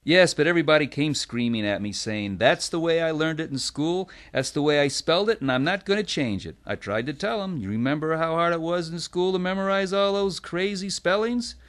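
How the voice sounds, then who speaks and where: A man's voice: on the high side, animated, brisk, few pauses, fairly bright tone. A man playing an earnest dictionary maker. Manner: earnest, explanatory. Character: earnest older man who compiles a dictionary.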